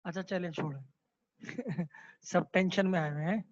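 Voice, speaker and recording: A man's voice: high-pitched, steady tone, dry recording, dull audio. A man teaching an online class, explaining a text patiently, slipping in English words and often checking with his students. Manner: mixes English words into speech.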